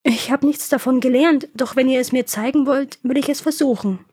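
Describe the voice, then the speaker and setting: A shy, honest youngest princess from a storybook, voiced by a woman reader. Her voice sits higher than the narrator's and stays soft and a little breathy. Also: fairly even intonation, a little fast, no echo, clean studio sound. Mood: gentle.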